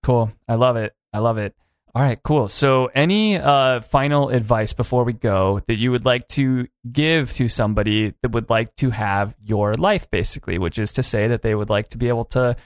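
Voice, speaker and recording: A man's voice: mid-range voice, moderate pace, no echo, studio quality. A man hosting a podcast interview in an informal, encouraging, chatty way. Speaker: podcast host. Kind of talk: casual interview chat.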